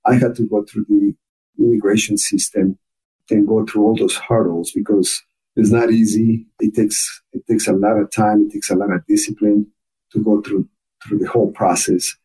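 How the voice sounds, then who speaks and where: A man with a heavy Ecuadorian Spanish accent speaks as a guest on a podcast. His voice is dark and slightly husky, earnest, with frequent restarts and repeated words. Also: on the low side, little pitch movement, moderate pace, rough recording. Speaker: guest, chamber of commerce officer. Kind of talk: podcast interview.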